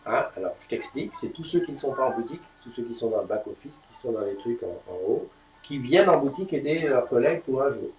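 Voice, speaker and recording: A man's voice: medium pitch, animated, quick pace, a little mellow, soft background music. A man hosting a live morning show, chatting casually and upbeat, announcing news and teasing his co-host. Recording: distant, roomy, dull sound.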